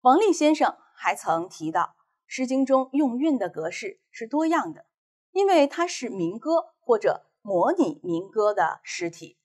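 A woman teacher from China giving a recorded online class, explaining reading techniques in a clear, measured way. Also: fairly high pitch, sing-song, a little mellow.

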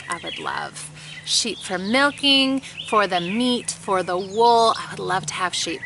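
A homestead vlogger in her thirties chats to the camera in her grassy backyard next to a chicken coop, earnest and talkative with little laughs. Her voice sits in the mid range, picked up by a close-framed camera mic over a noisy background.

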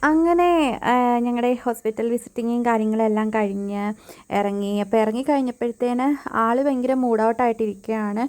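A woman's voice: fairly high pitch, brisk, a little mellow. A pregnant young woman narrating her day in a chatty vlog voice-over, full of fillers and asides. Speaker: vlogger.

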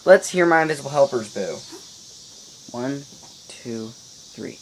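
In an upstairs room at home, a teenage boy chats casually to viewers for a video diary, rambling with playful mock outrage. He speaks at a measured pace in an expressive, mid-range voice. The home-room microphone catches heavy background noise, including faint insects chirping.

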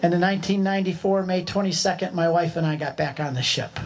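Animated older man telling a story. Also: sits high, fast talker. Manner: animated, acts out voices. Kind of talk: storytelling talk.

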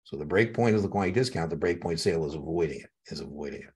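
Man, middle-aged, exam tutor, very low voice, husky, chatty, repeats key points. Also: expressive, very fast, darkish tone. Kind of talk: one-on-one tutoring session.

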